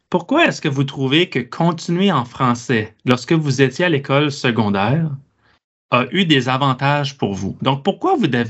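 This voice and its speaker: A man hosting a discussion, asking students measured, inviting questions. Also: medium pitch, fairly bright tone. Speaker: host. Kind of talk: hosted discussion. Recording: dull lo-fi sound.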